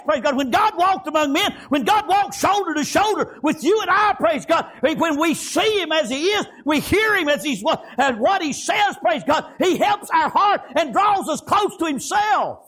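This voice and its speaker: Shouting in rhythmic bursts, a male preacher delivers a sermon at normal speed with hardly any pauses, his expressive voice pitched very high and swinging widely. Almost every phrase ends with "praise God" or "amen."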